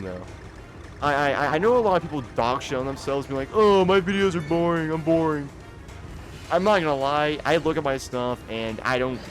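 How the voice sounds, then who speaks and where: A young man talks loosely during a game live stream, tripping over his first words, repeating them as sentences begin, and circling back to finish his thoughts. His voice sits at an ordinary middle pitch, with faint game music underneath.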